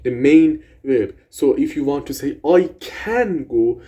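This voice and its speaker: A young male language vlogger whose first language is Persian explains grammar casually in a mid-range voice at a slow pace. He rambles excitedly, restarts often and swears.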